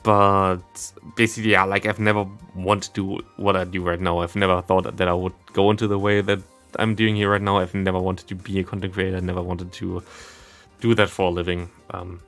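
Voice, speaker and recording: A German man with a German accent, a livestreamer and content creator, casually commentates a game and chats in a rambling, self-deprecating way. His voice is low and a bit bright, fairly quick, with little pitch movement. Game music plays in the background.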